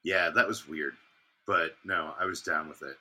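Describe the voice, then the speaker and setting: Low raspy guy on a podcast call, audio keeps cutting out, volume all over. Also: moderate pace, bright, forceful tone. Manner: laid-back, swears casually. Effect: online call audio cutting in and out, uneven volume. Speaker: podcast co-host. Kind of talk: casual beer-review chat. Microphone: remote call recording.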